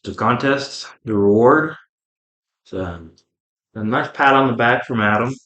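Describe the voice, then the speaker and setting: A young man co-hosting a casual podcast chat, talking in a relaxed, laid-back way. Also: medium pitch, measured pace. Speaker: podcast co-host. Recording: echoey room.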